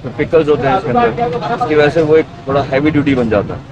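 A man's voice: a little high, very animated, highs cut off, over a noisy crowd. Man talking through a face mask. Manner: patient, listing step by step with filler pauses. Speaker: restaurant owner. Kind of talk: casual interview about his menu. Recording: music playing underneath.

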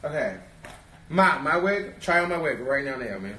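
A man's voice: on the high side, very animated, normal speed, pushed and bright. A young man, a sassy drag queen, chatting casually and playfully bantering on a livestream. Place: indoors, backstage hallway, elevator and dressing room. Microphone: handheld or propped phone. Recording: echoey, noisy handheld phone livestream.

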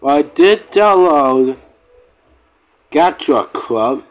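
A man making a casual vlog for his channel, talking in a halting, rambling way with frequent restarts and swearing. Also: fairly high pitch, lively intonation, low-quality recording. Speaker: YouTuber. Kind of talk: casual vlog rant to viewers.

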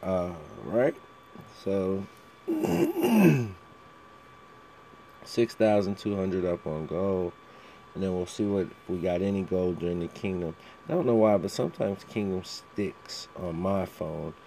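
A man's voice: deep voice, sing-song, measured pace, dark tone, a little hiss or hum, rough recording. A man giving a casual walkthrough of a mobile game, with a fan running in the background. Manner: frequent throat clearing. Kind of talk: casual video walkthrough commentary.

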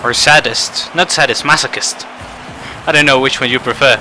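A man giving frustrated gameplay commentary, swinging between muttering and shouting. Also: mid-range voice, normal speed, faint music behind, low-quality recording. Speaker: gaming channel host.

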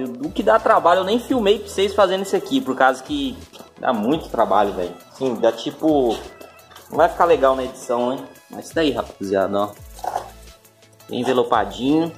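Brazilian man, vlog host, casual slangy chat, mid pitch, faint music behind. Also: lively intonation, fairly quick. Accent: Brazilian Portuguese. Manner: laid-back, slangy, keeps addressing the viewers. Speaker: channel host.

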